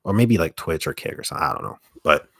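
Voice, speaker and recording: A man with a deep, gravelly voice chats casually on a livestream in a halting way, often interrupting himself, close to the microphone. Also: big pitch swings, fairly bright tone, no room sound. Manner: halting, self-interrupting, mild swearing. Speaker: ASMR streamer hosting a live stream. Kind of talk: casual rambling livestream chat.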